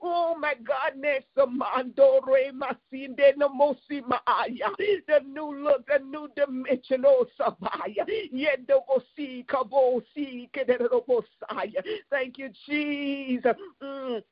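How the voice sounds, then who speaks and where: Guy praying hard in tongues, rhythmic, keeps barking out "ha", real high voice, muffled lo-fi audio. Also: steady tone, takes it slowly. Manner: rhythmic and fervent, punctuated by sharp "ha" exclamations. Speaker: prayer leader. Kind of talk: fervent spoken prayer mixed with speaking in tongues. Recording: dull lo-fi recording.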